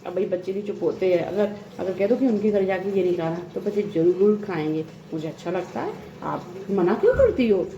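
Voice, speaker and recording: A woman's voice: mid-range voice, lively intonation, a little fast, dark tone, lo-fi sound, slight background noise. A woman in her thirties, a mother chatting casually while doing housework, rambling and laughing often. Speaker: vlogger and mother. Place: home bathroom. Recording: echoey room with faint ambience.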